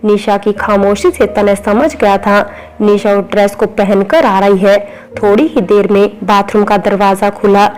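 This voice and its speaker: A woman reading a romantic story aloud as scripted narration, in a flat, even manner. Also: mid-range voice, unhurried, low-quality recording.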